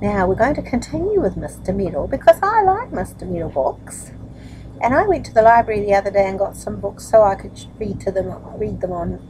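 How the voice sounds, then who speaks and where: Nurturing and grandmotherly, this older storyteller first addresses young children in a chatty way full of tag questions, then reads a story aloud. Her voice is mid-range and warm. The audio is poor, with a little hiss or hum.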